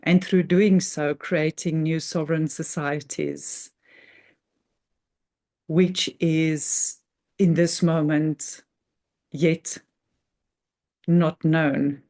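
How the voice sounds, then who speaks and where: A woman leads a guided meditation in an unscripted spiritual talk, earnest and reverent, using short, halting phrases separated by measured pauses. Her voice sits low with a darkish tone and fairly even intonation.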